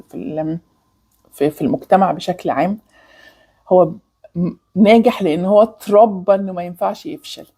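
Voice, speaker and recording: A woman's voice: lowish voice, dark tone, breathy edge. A woman with an Egyptian Arabic accent hosting a relationship advice channel, explaining earnestly and repeating key phrases for emphasis, with English words mixed in. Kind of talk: talking to camera about relationships.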